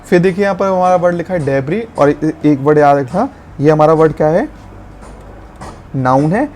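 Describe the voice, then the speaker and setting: A man explaining English vocabulary in a lesson, slowing down to spell out and stress key words. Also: fairly high pitch, dark tone, slight background noise.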